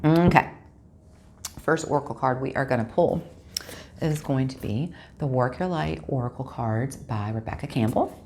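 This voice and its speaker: A woman's voice: very deep voice, normal speed, a little mellow, a little hiss or hum. A woman giving a casual tarot reading, chatting straight to her viewers and correcting herself aloud as she goes. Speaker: tarot reader.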